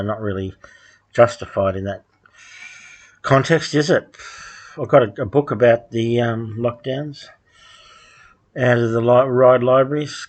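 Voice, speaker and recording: A man, delivering a rambling solo monologue at home, halting with frequent ums and restarts and dry sardonic asides. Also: medium pitch. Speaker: podcast host.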